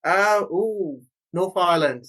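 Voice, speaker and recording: A man's voice: high voice, takes it slowly, a bit bright, low-quality recording. A man from New Zealand with a thick Kiwi accent that leans British, chatting casually and ramblingly as a guest co-host. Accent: thick New Zealand, leaning British. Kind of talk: casual chat.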